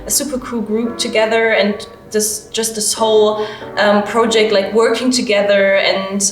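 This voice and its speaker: A woman's voice: mid-range voice, level tone, normal speed. A woman in her twenties answering casually, rambling with many fillers. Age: 20s. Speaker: theater student. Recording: echoey room with faint music.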